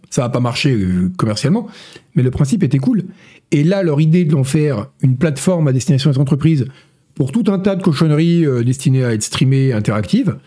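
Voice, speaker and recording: Hoarse man chatting gaming news. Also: mid-range voice, warm tone. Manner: rambling, joking, many fillers and restarts. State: hoarse from illness. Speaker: host of a gaming news show. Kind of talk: casual live-stream news chat.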